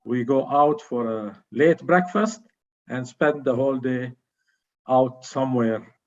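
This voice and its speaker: A middle-aged man speaking in a measured, formal way as an evaluator addressing a club meeting. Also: mid-range voice, lo-fi sound. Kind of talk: prepared public speaking.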